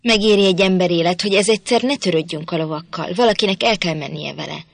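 A woman voicing a surly, gruff male farm master in a storybook reading, curt and blunt. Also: on the low side, dry recording.

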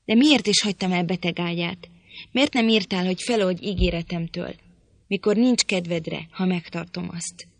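A woman's voice: on the low side, no room sound. A woman reading the part of a proud, impatient young woman who scolds irritably in an audiobook. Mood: scolding.

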